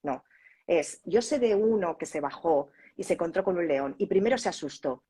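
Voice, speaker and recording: A woman co-hosting a relaxed talk on storytelling, acting out little scenes as she explains. Her voice is husky and a bit low, and she keeps checking in with short questions. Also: moderate pace. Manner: lively storyteller, many tag questions. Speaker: co-host. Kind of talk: casual chat about storytelling.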